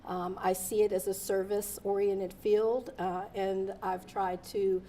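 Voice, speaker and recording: A woman's voice: medium pitch, flat delivery, takes it slowly, warm tone, a little hiss or hum. A woman in her forties, a lawyer and interview guest who was raised in Delaware, answering earnestly with many ums and uhs. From Delaware, USA. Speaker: guest, attorney and judicial candidate.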